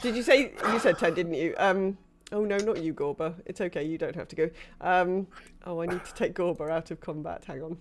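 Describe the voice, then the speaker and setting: A woman's voice: lowish voice, brisk, a little hiss or hum. A woman game master casually narrating a tabletop game, thinking aloud in a hesitant manner.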